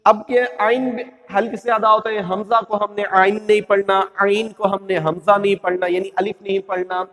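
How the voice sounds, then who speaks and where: A man's voice: high-pitched, flat delivery, fairly bright tone, big-room sound. A man with a Pakistani Urdu accent teaching Quran letters, patiently repeating the rules and stretching out each letter sound. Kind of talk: step-by-step recitation lesson.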